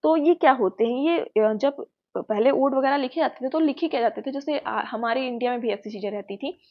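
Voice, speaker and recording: Speaking fairly quickly in a high-pitched voice, this Indian-accented woman teaches an exam-prep lecture. She is patient in her explanations and frequently checks on her students, and the audio has a muffled, lo-fi quality.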